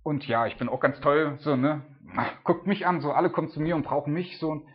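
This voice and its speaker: A man's voice: a little high, fairly quick, husky, dull audio. A middle-aged father talking informally through a Bible passage, with lots of filler words. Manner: chatty, many fillers like "ne" and "so". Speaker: Bible teacher.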